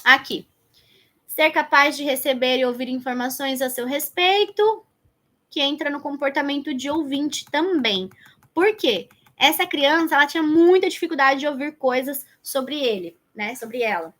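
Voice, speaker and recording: Bright high-voiced Brazilian woman teaching. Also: normal speed. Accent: Brazilian Portuguese. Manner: conversational, addresses viewers directly, thinks aloud. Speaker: educator teaching child development planning. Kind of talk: explanatory online lesson.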